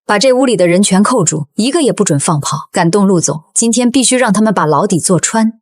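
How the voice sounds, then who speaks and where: A woman's voice: medium pitch, expressive, a little fast, darkish tone, lightly acted. A woman voicing a cool, commanding female executive assistant in an audiobook drama, speaking coldly and firmly. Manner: cold, firm.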